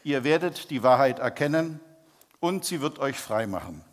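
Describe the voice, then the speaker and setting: Measured preacher man in a reverberant hall. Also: medium pitch, expressive. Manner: measured, slows down for emphasis. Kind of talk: sermon testimony storytelling.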